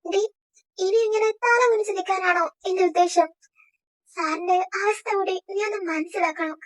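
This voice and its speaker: A woman's voice: very high voice, steady tone, normal speed, rough recording. A woman voicing a cheerful female friend who coaxes and teases the heroine. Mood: coaxing. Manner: coaxing, bossy.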